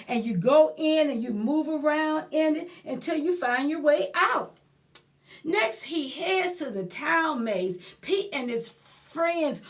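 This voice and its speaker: Here a library storyteller, a woman with a high voice, reads a picture book aloud to little ones. Expressive throughout, she halts at points to explain and to draw responses from the children.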